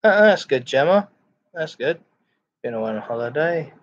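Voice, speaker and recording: A man hosting a casual livestream chat, greeting viewers in a halting, repetitive way. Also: a little high, expressive. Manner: halting, repeats phrases. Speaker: live streamer, host of a chat and ASMR stream. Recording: dull lo-fi microphone sound.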